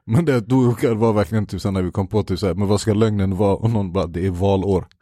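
A man's voice: fairly low pitch, steady tone, warm tone, dry recording, clean studio sound. A man chatting casually as a podcast guest about making his TV show. He talks in loose slang and drops English phrases in. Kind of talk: casual chat.

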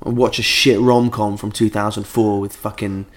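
A man's voice: fairly low pitch, little pitch movement, normal speed. A man co-hosting a casual comedy podcast, reading out listener letters and riffing with rambling jokes. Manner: rambling, jokey, drifts into mock voices. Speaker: podcast co-host.

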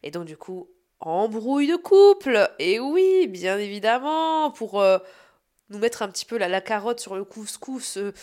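A woman hosting her own podcast, telling a story about her day in a casual, animated and self-mocking way, swearing freely. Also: medium pitch. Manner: shifts between fast asides and slow, dragged-out emphasis. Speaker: podcast host.

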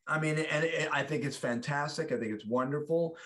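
In a casual chat, a middle-aged American actor talks about his career as a guest, speaking briskly in a somewhat high, slightly bright voice. He wanders with restarts and performs the lines he quotes.

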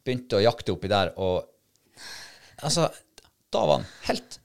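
Man with a low voice, chatty animated storyteller in a conversation. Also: clear, resonant tone. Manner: lively, animated retelling, quoting others. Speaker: dog handler telling a story. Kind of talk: casual storytelling in a podcast chat.

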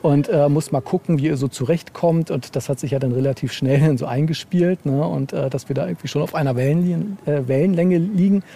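A mellow male voice, a little high and a little fast, with vocal fry and hardly a pause anywhere. He's a novelist being interviewed in a casual podcast chat, rambling and frequently tacking a questioning filler onto his phrases.

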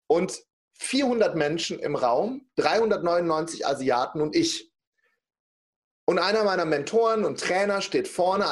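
A middle-aged man telling a personal story in casual conversation, acting out the people he quotes. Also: a little high. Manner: lively storyteller, acts out quoted speech. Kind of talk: personal anecdote in casual talk.

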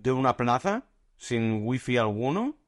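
A man's voice: medium pitch, sing-song, unhurried, no room sound. A man co-hosting a casual podcast chat, reacting with dry remarks and repeating words as he thinks. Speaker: podcast co-host.

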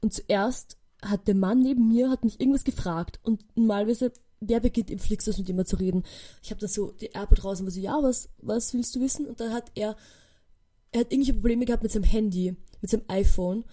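A young woman, hosting a podcast and telling a story casually, with lively quoted dialogue and many fillers. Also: mid-range voice, brisk. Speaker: podcast host.

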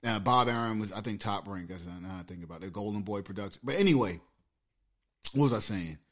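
A man co-hosting a podcast in casual chat, loud and animated, full of slang and cursing. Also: fairly low pitch, a little fast. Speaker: podcast co-host.

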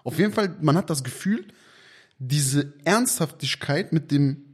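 Heisere, hohe, sehr lebhafte Männerstimme im Straßenslang. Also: male voice, a little high, a little slow, husky. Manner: slangy, emphatic, animated storytelling. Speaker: podcast co-host. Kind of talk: casual joking chat with slangy rants.

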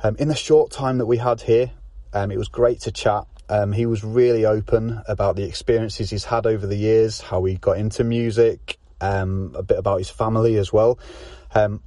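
A man's voice: fairly low pitch, fairly even intonation, normal speed, warm tone, no echo, studio quality. A man hosting a podcast, recording a solo intro full of "um"s and enthusiastic praise. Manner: filler-heavy, enthusiastic. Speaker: podcast host.

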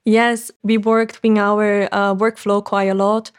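A woman with as an answers interview questions as a startup founder. Her voice sits at a middle pitch. She talks in an earnest, explanatory way with some fillers. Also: flat delivery, slow pace, clear, resonant tone.

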